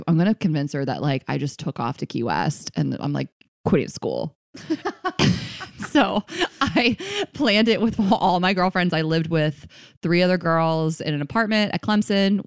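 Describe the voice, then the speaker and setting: Low-voiced woman telling lively stories. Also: vocal fry, no echo, clean studio sound. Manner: animated storyteller, acts out quoted voices. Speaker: podcast host. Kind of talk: casual chat.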